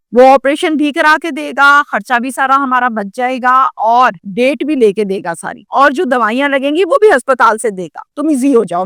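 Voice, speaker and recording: A woman's voice: a little high, no room sound, clean studio sound. A woman vlogger narrating a true crime story in an earnest, dramatic storytelling manner and voicing the people in it. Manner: earnest, acts out quotes.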